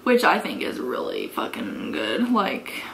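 A woman's voice: medium pitch, very animated, a little slow, gravelly, a bit bright, slight background noise. An American woman in her twenties chatting casually through a makeup tutorial, giggly drunk, rambling and swearing freely. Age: 20s. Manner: sweary, unfiltered. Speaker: beauty vlogger. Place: carpeted bedroom, indoors.

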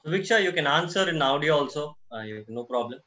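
A man moderating a webinar Q&A, briskly calling on attendees by name. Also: a little high, expressive, sharp tone. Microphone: video call mic. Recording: muffled lo-fi webinar audio.

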